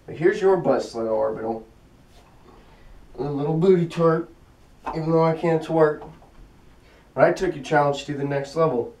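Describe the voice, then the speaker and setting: A young man talks through a vlog, his voice a touch high as he grumbles and swears at a trick he keeps failing. The sound is roomy and picked up from a distance by the camera. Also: moderate pace, pauses often, darkish tone. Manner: frustrated, swearing, talking to himself while attempting a trick. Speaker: vlogger. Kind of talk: casual vlog commentary.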